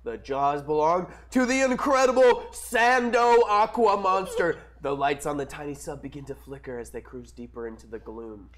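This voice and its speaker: A man's voice: a little high, lively intonation, normal speed, hardly any pauses, crowd noise. A man reading scripted action narration at a casual comic table read.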